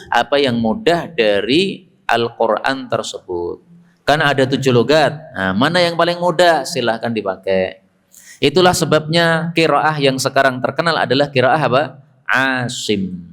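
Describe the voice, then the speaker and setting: A man with a Javanese accent preaching at a mosque, telling stories in a relaxed way with joking asides in local speech. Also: medium pitch. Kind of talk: mosque study sermon.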